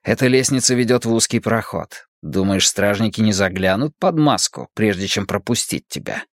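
A man voicing a cold, pale young gang leader who speaks quietly, slowly and with menace. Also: fairly low pitch, no echo, clean studio sound, natural voice. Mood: cold, commanding.

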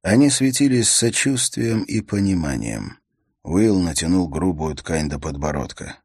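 A man reading an adventure novel aloud as an audiobook narrator, in a measured, steady storytelling manner. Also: low voice, slightly rough, no echo, studio quality.

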